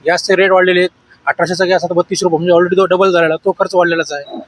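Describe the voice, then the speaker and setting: Rapid, exasperated shopkeeper, man. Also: high-pitched, flat delivery, rough recording. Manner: rushed, exasperated. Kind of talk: street interview.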